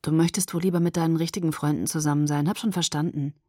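A woman's voice: on the low side, lively intonation, moderate pace, darkish tone, dry recording, studio quality. A woman reading the part of a teenage werewolf boy in a novel, teasing at first, then muttering and sarcastic. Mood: sulky.

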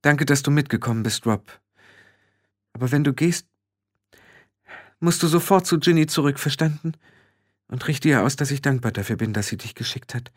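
A man's voice: mid-range voice, moderate pace, pauses often, dry recording, clean studio sound, voice pushed up, close to an everyday voice. A man voicing a sensible, brave young girl witch, speaking earnestly with a raised voice. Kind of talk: audiobook character voice.

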